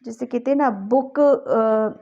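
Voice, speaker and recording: A woman doing a tarot reading talks to her audience slowly, her voice a little high with a dark tone. She encourages and coaxes them, repeatedly wrapping up ideas with a reassuring "ठीक है." The highs in the recording are cut off.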